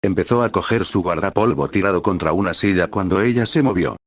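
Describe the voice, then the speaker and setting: Deep-voiced man reading fan fiction. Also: brisk, dry recording, studio quality.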